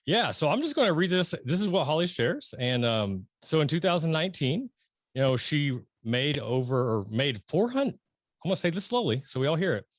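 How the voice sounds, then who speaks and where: A middle-aged man hosting an interview, talking casually and rambling with many restarts and excited emphasis. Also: a little high, brisk, dry recording, clean studio sound. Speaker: podcast host interviewing a guest.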